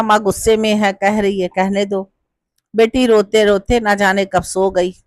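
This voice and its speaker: A woman's voice: mid-range voice, dry recording. A woman narrating a devotional folk tale in a plain, conversational manner. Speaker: storyteller.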